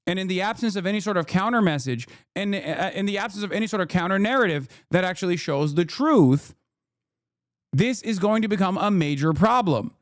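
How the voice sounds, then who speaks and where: A man's voice: high-pitched, lively intonation, brisk, no room sound, studio quality. Blunt, profane man ranting on stream. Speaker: streamer reacting to clips. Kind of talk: heated live-stream commentary.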